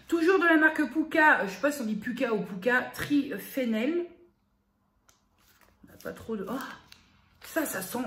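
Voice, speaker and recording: A woman vlogger chatting casually as she reads out product labels, often pausing with fillers. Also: a little high, roomy sound. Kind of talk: casual vlog unboxing.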